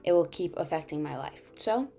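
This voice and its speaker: A woman's voice: low-pitched, lively intonation, normal speed, creaky, dark tone. A young woman reading an earnest scripted narration and asking interview questions. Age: young adult. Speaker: student video host and interviewer.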